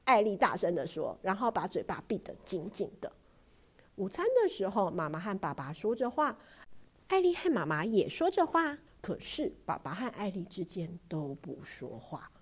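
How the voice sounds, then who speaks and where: A woman reading a children's storybook aloud, expressive and clear. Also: mid-range voice, normal speed. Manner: expressive, warm-paced storytelling.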